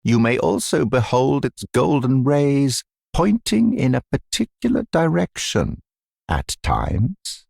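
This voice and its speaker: A man voicing a condescending, smoothly sinister masked mentor in a dark fantasy game, with mock-sympathetic, theatrical, deliberately drawn-out phrasing. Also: medium pitch, very animated, no echo, clean studio sound, exaggerated voice.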